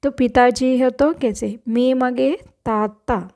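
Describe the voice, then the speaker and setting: A woman's voice: high-pitched, steady tone, slow, vocal fry, a little mellow. A woman teaching a spoken language lesson, patiently repeating each word and correcting pronunciation.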